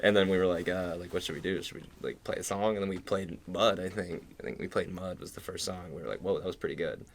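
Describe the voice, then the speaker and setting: A man's voice: low voice, fairly even intonation, fast talker, creaky, few pauses. A young man from Georgia in the US, a band member chatting casually in a radio interview and rambling with lots of filler words. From Georgia, USA. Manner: rambling, heavy use of "like". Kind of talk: casual chat.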